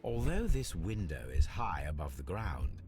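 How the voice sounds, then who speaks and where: An actor playing a self-assured, calculating gentleman detective in a video game, speaking formally and precisely. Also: sits low, big pitch swings, measured pace, music in the background.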